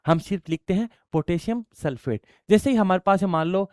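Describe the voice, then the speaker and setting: High-voiced man teaching chemistry. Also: brisk, no room sound, clean studio sound. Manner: explains step by step, asks students questions and answers them himself; addresses students affectionately as child. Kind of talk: classroom lecture.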